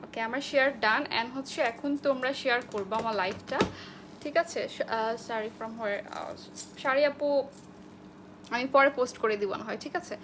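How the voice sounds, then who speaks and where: Woman from Bangladesh, high bright voice, live makeup tutorial, friendly chatter with viewers, faint hiss behind. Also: moderate pace. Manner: chatty, greets viewers by name, mixes in English phrases. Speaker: makeup artist hosting a live sale.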